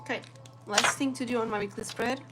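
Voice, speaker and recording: A woman's voice: on the high side, fairly quick, loud music behind the voice. A young woman from Portugal with a Portuguese accent, chatting casually to viewers while she draws a planner spread. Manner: chatty, relaxed, talks to viewers while drawing. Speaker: planner artist and vlogger. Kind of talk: casual live-stream chat while journaling.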